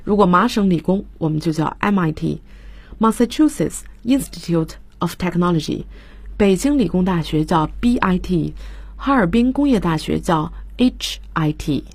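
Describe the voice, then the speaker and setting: A woman teaches vocabulary on a studio radio lesson, spelling each word out letter by letter. Her voice is low and a little husky. The sound is dry and close. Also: lively intonation, normal speed, dry recording. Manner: explains patiently, spells words letter by letter. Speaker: English teacher.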